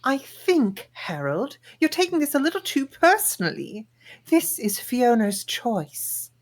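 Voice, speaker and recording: A woman reading the part of a calm, gentle older queen reasoning with her husband at a live table read. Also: on the high side, a little slow. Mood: soothing.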